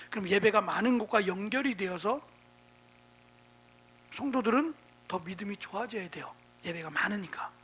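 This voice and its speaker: Male pastor, husky, conversational Bible-teaching sermon with rhetorical asides. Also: high voice, fairly bright tone. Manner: conversational preaching with frequent rhetorical prompts.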